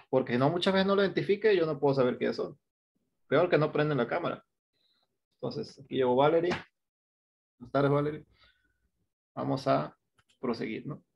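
A man's voice: medium pitch, vocal fry. A man with a Mexican Spanish accent teaching an English grammar class online, explaining step by step and often checking with "¿no?". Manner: explains step by step, keeps asking "¿no?".

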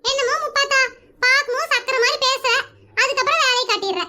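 A woman's voice: very high-pitched, fast, bright, forceful tone, exaggerated voice. A woman playing a sarcastic sister-in-law who taunts her relatives in a comedy skit. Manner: needling, sarcastic.

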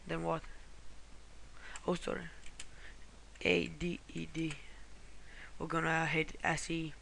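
A man's voice: fairly high pitch, completely flat delivery, takes it slowly, vocal fry, pushed and bright, a little hiss or hum. A man from Croatia, talking through a screen-recorded how-to walkthrough in a rambling way, often correcting himself and apologizing. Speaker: tutorial host.

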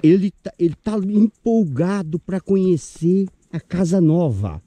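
A man with a Brazilian accent talks excitedly to his followers on camera, coaxing and calling out over and over. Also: sits high, a little slow, no echo. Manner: coaxing, repetitive, calls out often. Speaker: vlogger.

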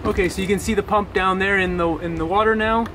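A man's voice: high-pitched, steady tone, fast talker, music in the background. A young man casually explaining a home repair in a loose vlog, with many fillers and restarts, filmed on a handheld camera at arm's length in a house basement. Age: young adult. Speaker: DIY home repair vlogger. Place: house basement and outdoor stairwell.

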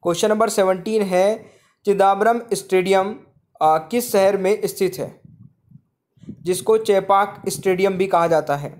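A man's voice: high-pitched, a little slow, darkish tone. A man teaching a general-knowledge quiz in a voice-over, reading each question twice and then giving the right answer. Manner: repeats each question, addresses viewers as friends. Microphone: voice-over on screen slides.

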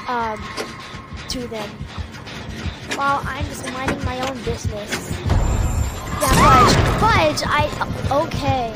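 A young woman with the hiccups giving chatty, self-deprecating commentary while playing a game. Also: sits high. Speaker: gamer. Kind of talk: casual gameplay commentary. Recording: loud background noise.

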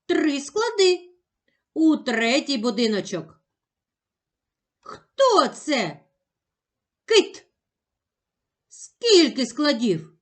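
A woman teaching young children, speaking slowly with exaggerated, sing-song emphasis on each sound and syllable. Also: sits high, very animated. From Ukraine. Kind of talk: slow, clearly enunciated lesson for young children.

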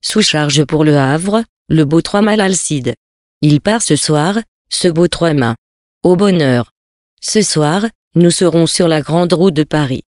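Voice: mid-range voice, takes it slowly, a little mellow, no room sound, natural voice. A reader voicing a brash, ironic adventurer in a French storybook reading, in a plain everyday voice, recorded dry. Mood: jaunty, ironic. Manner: bold, ironic, hearty. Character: brash, jaunty man, an adventurer.

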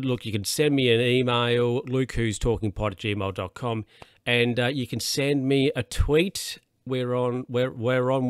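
A man's voice: medium pitch, no room sound. Young Australian man, podcast host, loose rambling delivery, dry close sound. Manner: rambling and relaxed, many fillers and restarts. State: yawning, a bit tired. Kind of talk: casual solo podcast monologue.

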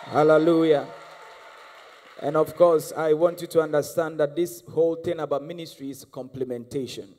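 A guest prophet in his thirties, Ghanaian-accented, holds a handheld mic on stage in a large church hall and exhorts the congregation. His fairly high, slightly mellow voice keeps a steady tone at normal speed, repeating lines for the crowd to answer. The live recording carries long reverb and music.

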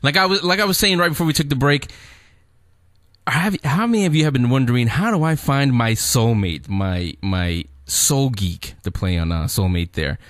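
A man's voice: medium pitch, expressive, moderate pace, a bit bright, dry recording, studio quality. A man hosting a casual radio show, speaking conversationally and straight to his listeners. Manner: conversational, addresses listeners directly. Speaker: show host.

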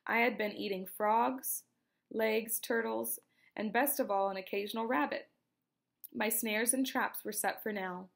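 A woman reading a novel aloud in a steady, unhurried storytelling manner. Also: a little high, vocal fry. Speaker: reader.

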